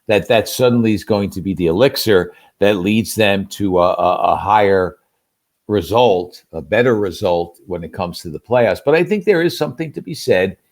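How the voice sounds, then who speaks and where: A guest play-by-play announcer on sports radio offers conversational analysis, speaking emphatically and throwing out rhetorical questions. He has a lowish voice with a darkish tone.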